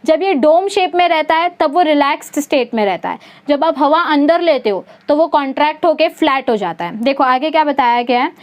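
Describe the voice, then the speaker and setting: A young Indian-accented woman with a high voice gives an online biology lecture. She breaks each idea into small steps and keeps checking whether her students are following. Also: animated, brisk, hardly any pauses. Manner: explains step by step, asks students rhetorical questions. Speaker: biology teacher. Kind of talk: online exam-prep lecture mixing Hindi and English.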